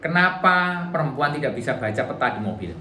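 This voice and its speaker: A man's voice: a little high, very animated, brisk. A middle-aged man giving a relationship seminar to a live audience in a casual, chatty way, acting out little dialogues. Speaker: workshop trainer.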